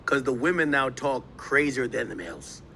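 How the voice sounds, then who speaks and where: A man streaming live, commenting on clips and talking straight to his chat in an animated, emphatic way. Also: mid-range voice, normal speed, creaky, background noise. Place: New York.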